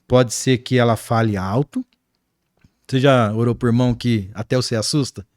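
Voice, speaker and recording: A man with a Brazilian accent, a guest pastor talking in an animated, preaching-like way on a podcast. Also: medium pitch, moderate pace, dry recording, clean studio sound. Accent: Brazilian Portuguese. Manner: animated, acts out quoted voices.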